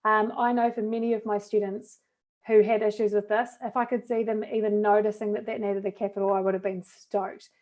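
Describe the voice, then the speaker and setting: A woman's voice: mid-range voice, little pitch movement, fairly quick, darkish tone, dull audio. A woman with a New Zealand accent, a teacher trainer chatting casually and upbeat through a live webinar demo of classroom tools.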